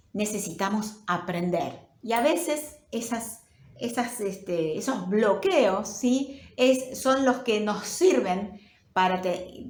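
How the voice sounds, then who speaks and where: A woman's voice: medium pitch, darkish tone. A woman pastor with a Rioplatense Spanish accent, preaching in a storytelling way with rhetorical questions. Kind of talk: sermon. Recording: roomy with faint noise.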